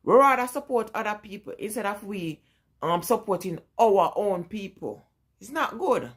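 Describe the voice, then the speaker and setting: A Jamaican vlogger in her forties chats casually with her live-stream viewers in a Jamaican accent, speaking straight to them and repeating her points with emphasis. Her mid-range voice is expressive and slightly rough, at a moderate pace.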